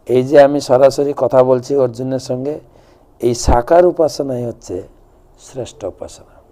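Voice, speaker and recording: Slow, mellow-voiced man teaching devotion. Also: mid-range voice. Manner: slow, measured, chants Sanskrit verses and mantras. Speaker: spiritual teacher answering viewer questions. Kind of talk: devotional question-and-answer talk.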